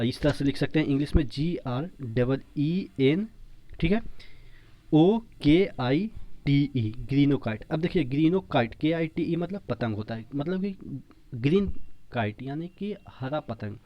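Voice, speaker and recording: A man's voice: medium pitch, muffled recording. A man teaching an exam-prep science lesson, explaining step by step and repeating points with memory tricks and frequent check-ins.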